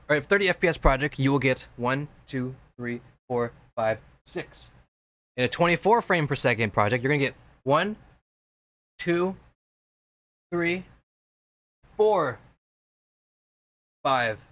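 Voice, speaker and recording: A man's voice: on the high side, lively intonation, normal speed, fairly bright tone, no echo. A man streaming, casually teaching video editing while reviewing viewer edits, rambling and repeating himself as he explains things step by step.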